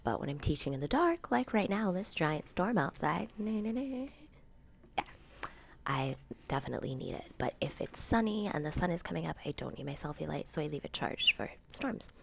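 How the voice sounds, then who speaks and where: A woman whispers softly through a casual home vlog, her voice sitting low with a gravelly, fry-laden texture. She is sick and sniffly, and the room carries a faint hiss of background noise. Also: animated, normal speed. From Florida, USA. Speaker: teacher and channel host.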